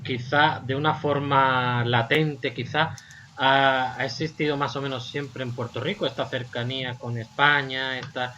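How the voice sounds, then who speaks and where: Male talk-show host, mid-pitched, calm and measured, slight background noise. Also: dull audio. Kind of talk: casual panel discussion.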